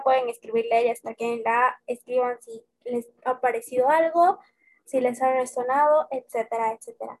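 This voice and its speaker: A woman's voice: high voice, gravelly, low-quality recording. A woman hosting a podcast, talking in a casual, conversational way. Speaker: podcast host.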